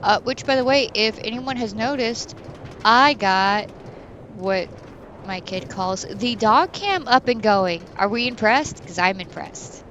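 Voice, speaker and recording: A woman's voice: medium pitch, expressive, takes it slowly, a bit bright, dull audio, a little hiss or hum. A woman in her thirties streaming a game, chatting candidly and rambling with many fillers. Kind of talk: casual chat while streaming a game.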